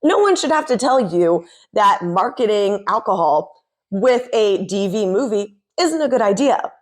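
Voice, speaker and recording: A woman's voice: medium pitch, very animated, measured pace. A woman giving opinionated commentary, exasperated and sarcastic. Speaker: commentary vlogger.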